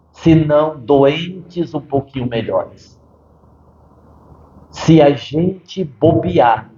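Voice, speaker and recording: A man speaking as a spirit doctor, slow and unhurried, with a mellow, dark tone. He is measured and drops dry humor into a serious channeled interview, and the recording sounds a little dull. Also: a little high, reverberant.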